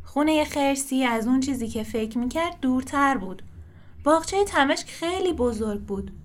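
A woman reading a children's storybook aloud in a gentle, expressive way. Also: high voice.

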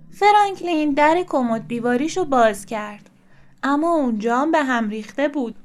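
A woman calmly and expressively reading a translated children's storybook aloud. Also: high voice.

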